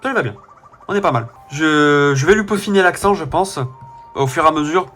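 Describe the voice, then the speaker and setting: A man's voice: fairly high pitch, lively intonation, brisk, a bit bright, soft background music. A young man with a faint southern French accent, casually commenting on a game he plays, rambling with fillers and self-corrections. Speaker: let's player.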